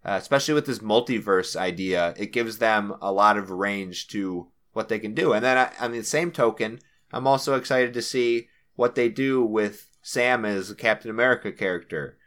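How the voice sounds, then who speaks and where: Bright-toned man rambling on a podcast. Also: on the low side, normal speed. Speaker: podcast co-host. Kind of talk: casual chat.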